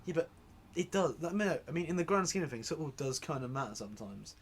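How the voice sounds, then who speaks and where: A man co-hosting a chat podcast from a home garage. He talks fast, states his opinions bluntly and swears without a second thought. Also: a little high, animated, slightly rough. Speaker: podcast co-host. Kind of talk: casual chat.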